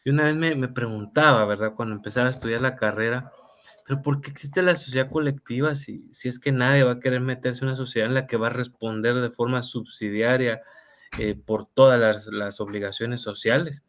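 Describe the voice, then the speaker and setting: A man's voice: mid-range voice, fairly even intonation, brisk, fairly bright tone, a little hiss or hum. A middle-aged man teaching an online law class, talking conversationally with fillers and tag questions. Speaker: law lecturer.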